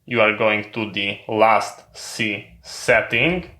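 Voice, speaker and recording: A male presenter leads a step-by-step equipment demonstration in a low-side voice that is unhurried, very even, and crisply bright. He explains each stage methodically and instructionally, with non-native English phrasing. Noticeable room echo fills the recording.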